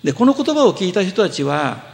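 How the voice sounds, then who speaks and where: Pastor with a gravelly voice in a hall. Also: male voice, sits high, sing-song, brisk. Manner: gentle explaining, with fillers and self-corrections. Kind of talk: sermon.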